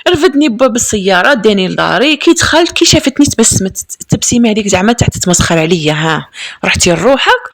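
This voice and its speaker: A young woman with an Algerian accent, telling a personal story in a lively, emphatic way and repeating words for stress. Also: medium pitch, quick pace. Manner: lively and emphatic, with frequent repetitions. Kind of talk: casual spoken storytelling.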